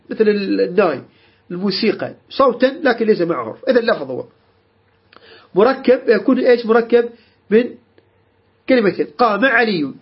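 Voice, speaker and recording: In a grammar class, a husky, high-voiced man lectures, going over key terms again and again while making sure students follow. It's captured in dull lo-fi audio.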